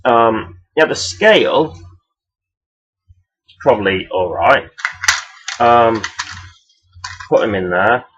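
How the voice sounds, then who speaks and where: A man's voice: medium pitch, animated, drawn-out words, long pauses, noisy background. A man giving a casual, rambling toy review in a hesitant, self-deprecating, blunt and sweary way. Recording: dull, lo-fi sound.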